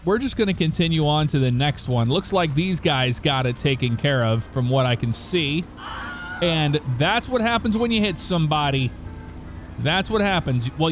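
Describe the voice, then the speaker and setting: A man giving casual, joking let's-play commentary, talking back to the characters in the game. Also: on the high side. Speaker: gaming YouTuber.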